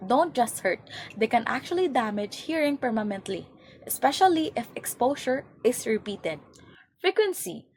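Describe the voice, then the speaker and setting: A woman reading an educational presentation, stating points and then explaining them, with small slips now and then. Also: mid-range voice. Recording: faint background noise.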